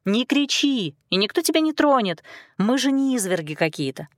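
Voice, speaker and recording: A gentle but firm young woman coaxes in a soft, unhurried voice, as a woman reader puts her on. The sound is close and dry. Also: a little high, very animated, dry recording, voice pushed up. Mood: coaxing. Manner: soft, coaxing and slow.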